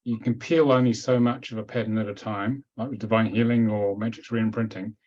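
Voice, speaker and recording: Over dull, lo-fi call audio, a man hosts a live webinar Q&A as its teacher, fielding questions in a direct, matter-of-fact way and firmly repeating his points. His voice is lowish and darkish, fairly quick, with little pitch movement.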